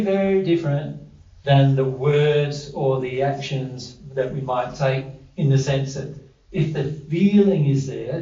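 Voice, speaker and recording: A man's voice: medium pitch, mellow. A man giving an informal spiritual teaching talk to a small group, conversational and repeating their answers back. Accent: Australian. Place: living room with a small audience. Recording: dull, echoey room from far off.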